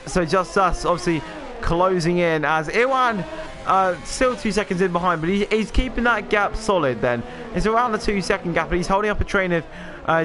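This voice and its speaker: A man commentating a sim racing stream, rambling with lots of fillers and self-deprecating asides. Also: fairly high pitch. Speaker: lead race commentator.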